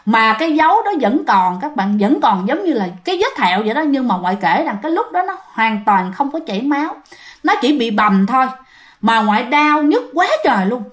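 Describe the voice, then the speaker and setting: Woman ghost-story narrator, higher voice, lively. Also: a little fast. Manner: animated, addresses listeners directly.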